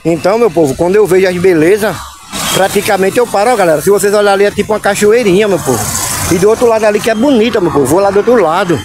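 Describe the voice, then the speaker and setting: High-voiced chatty man with a Pernambuco accent. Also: rapid-fire. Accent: Pernambuco, northeastern Brazilian. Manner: chatty, keeps calling viewers "my people" and "gang". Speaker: vlogger and channel host. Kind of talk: casual vlog chat to viewers. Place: outdoors in a town by a canal. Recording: street noise with music behind.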